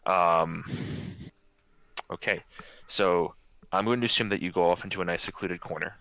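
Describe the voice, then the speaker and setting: A man's voice: deep voice, moderate pace, pushed and bright, dry recording, low-quality recording. A man narrating an improvised tabletop game as game master.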